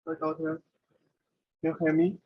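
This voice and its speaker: A male student asking a question over an online call whose audio keeps cutting in and out. He speaks haltingly and repeats himself. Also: fairly high pitch, completely flat delivery. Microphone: video call. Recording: muffled, distant, breaking-up call audio.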